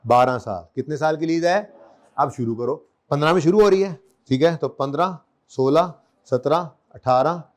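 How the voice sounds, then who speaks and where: A man teaching an accounting class in a classroom, chatty and joking, counting years aloud and quizzing his students. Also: on the high side. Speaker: accounting lecturer. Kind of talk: classroom lecture. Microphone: recorded lecture.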